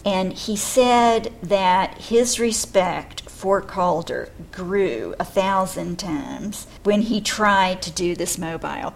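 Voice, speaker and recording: A woman's voice: lowish voice, vocal fry. A woman giving unscripted, explanatory commentary, speaking appreciatively and offering her own opinions. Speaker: art commentator.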